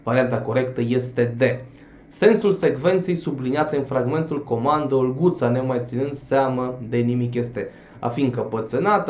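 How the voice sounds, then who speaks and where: A man's voice: medium pitch, roomy sound, lo-fi sound, a little hiss or hum. A male language teacher giving an exam-prep grammar lesson, explaining step by step and often checking in with a questioning "da?". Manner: addresses students warmly as "dragilor".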